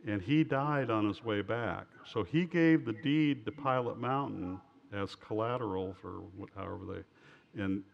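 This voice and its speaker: A man giving an informal slide lecture as an author, speaking in a halting, rambling way over a muffled recording. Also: on the low side, creaky.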